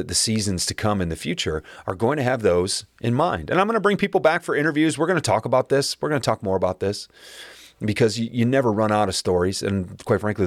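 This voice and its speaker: A man hosting his podcast alone, speaking in an earnest, encouraging way with a raspy voice today. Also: lowish voice, dry recording, clean studio sound. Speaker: podcast host. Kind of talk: solo podcast monologue.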